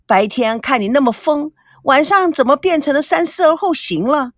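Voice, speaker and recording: A woman voicing a flustered, quick-tempered young woman who scolds sharply, with a lively delivery in a dry recording. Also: high voice, no room sound, pitched above the performer's own voice. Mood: scolding.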